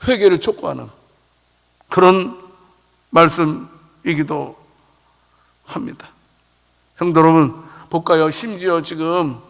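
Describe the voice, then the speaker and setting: A Korean pastor preaching a sermon, asking rhetorical questions and swelling to emphatic peaks before dropping low. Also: male voice, pushed and bright. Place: church sanctuary. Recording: long church hall reverb.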